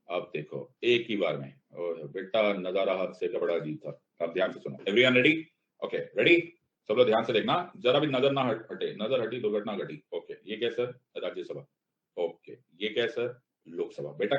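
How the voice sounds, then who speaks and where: A man teaching a class in a playful way, answering his own questions in students' voices and checking again and again that everyone understands. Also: fairly low pitch. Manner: keeps asking if students understand. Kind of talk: classroom lecture. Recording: dull lo-fi sound.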